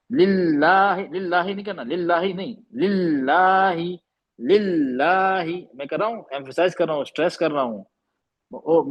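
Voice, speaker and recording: A man with a slightly high voice teaches Quran recitation over a video call in an online class, and the recording sounds muffled. He explains patiently, repeating terms and demonstrating the sounds.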